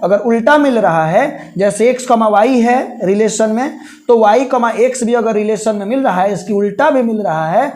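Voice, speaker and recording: A man from India teaching a live online math class, explaining slowly step by step and repeating key terms with English words mixed in. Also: sits high, a little mellow.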